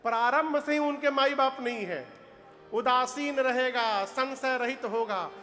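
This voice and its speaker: A very high-voiced male preacher with an eastern Uttar Pradesh accent tells a devotional story slowly and deliberately, breaking into sung verses and pressing the listeners to answer aloud. His voice rings out in a large hall with long reverb, and soft devotional music plays behind him. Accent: eastern Uttar Pradesh (Purvanchal) Hindi. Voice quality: asks the audience to answer aloud. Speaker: Ram katha preacher.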